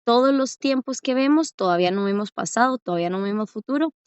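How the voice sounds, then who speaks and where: A woman's voice: a little high, expressive, clean tone, no echo. Lady teaching a class, patient, drags out example words, kinda dull dry audio. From Costa Rica. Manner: patient, slows down to spell out examples with rising checks. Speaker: Korean language teacher. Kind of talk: classroom lesson.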